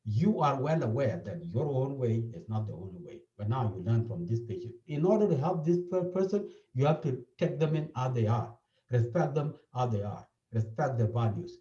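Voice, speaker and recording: This therapist, a South Sudanese man with a matching accent, talks fairly quickly in a mid-range, dark-toned voice with lively intonation. During the interview he explains himself earnestly and keeps repeating his points. The audio is distant, dull, and full of echo.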